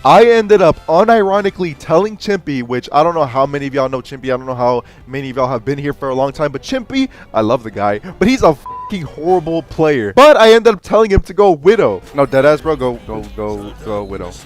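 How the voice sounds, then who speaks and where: A man's voice: a little high, animated, a little fast, hardly any pauses, faint music behind. A man delivering an escalating comedy rant as a gaming streamer, sarcastic and exasperated, with emphatic swearing. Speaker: gamer, streamer. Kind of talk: escalating comedy rant about a video game, profane.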